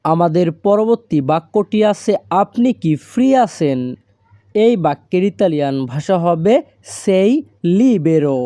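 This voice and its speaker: A Bengali-speaking teacher giving an Italian phrase lesson, saying each phrase very slowly and then breaking it into single words. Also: mid-range voice, dark tone, no room sound, studio quality. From Bangladesh. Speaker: language teacher.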